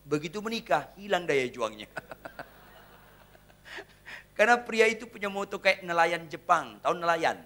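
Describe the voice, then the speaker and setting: Man, pastor, humorous sermon, church, bright voice. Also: sits high, normal speed, pauses often. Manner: jokey, teasing, lively swings between loud and hushed.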